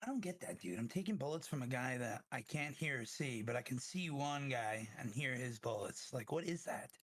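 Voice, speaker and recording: A man's voice: medium pitch, expressive, moderate pace, dry recording. A man hosting a live game stream, chatting casually with loose, profane banter. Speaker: streamer host. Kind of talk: casual gaming chat.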